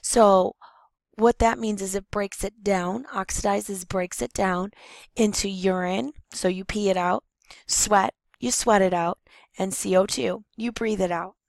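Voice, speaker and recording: A woman teacher with a hoarse, gravelly voice talks through a slide lesson for her students. She explains plainly, stopping for ums and fixing her own words. The recording is close and dry. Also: medium pitch, steady tone, measured pace, dry recording, low-quality recording. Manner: explanatory, with frequent ums and self-corrections. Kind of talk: recorded classroom lecture over slides.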